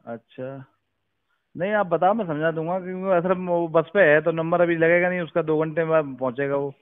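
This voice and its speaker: This Uttar Pradesh village head, calling by phone, has a voice on the high side that flows fairly quickly and smoothly. He sounds casual, deferential, and questioning, and the recording is tinny and narrow with no room sound.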